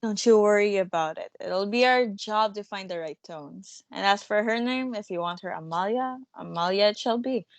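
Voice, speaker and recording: A woman in a dramatic play reading, playing a self-assured theatre manager with a brisk, scornful, commanding manner. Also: mid-range voice, dry recording, lightly acted. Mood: brisk, reassuring.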